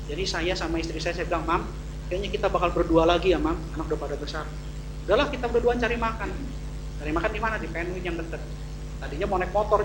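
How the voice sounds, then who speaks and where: A middle-aged man preaching a sermon to a church congregation. He jokes, leans hard on key words, then drops to low asides. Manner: lively and joking, swinging from loud emphasis to low asides. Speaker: pastor. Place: church hall. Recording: echoey church hall, faint hum.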